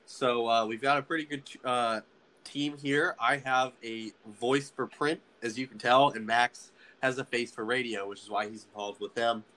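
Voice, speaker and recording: A young male student hosts a casual sports podcast, his talk loose and halting with many fillers and restarts. He has an ordinary mid-range voice with fairly even intonation and a sharp tone.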